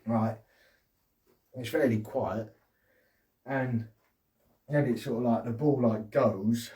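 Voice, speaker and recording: A man's voice: mid-range voice, slow pace, mellow, roomy sound, far from the mic. A man hosting a casual solo podcast, rambling and joking, often laughing and acting out little quotes. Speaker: podcast host.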